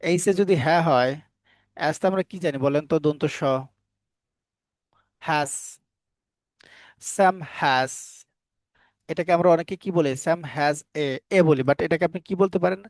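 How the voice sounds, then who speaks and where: A man teaching phonics in a voice pitched a little high. He quizzes the class and answers himself, then spells each word out sound by sound. The sound is close and dry, with no room echo. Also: normal speed, pauses often. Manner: asks the class questions and answers them himself. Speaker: English teacher. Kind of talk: phonics lesson for Bengali learners.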